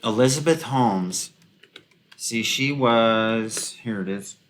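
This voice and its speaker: A man's voice: mid-range voice, takes it slowly. Rambling man giving sarcastic commentary. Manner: rambling, with many ums and restarts; sarcastic, mocking. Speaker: video commentator. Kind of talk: casual commentary.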